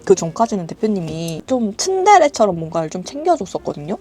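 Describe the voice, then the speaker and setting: A young adult woman casually telling a story from her old job in a chatty, animated way. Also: mid-range voice, a little fast. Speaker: storytelling vlogger.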